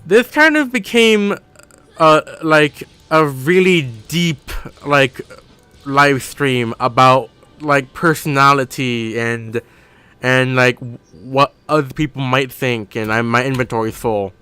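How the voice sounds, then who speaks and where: Soft background music plays as a man streams a video game, his medium-pitched voice slow, sharp-toned and smooth, with no echo. His casual commentary rambles as he thinks aloud, frequently correcting himself partway through sentences.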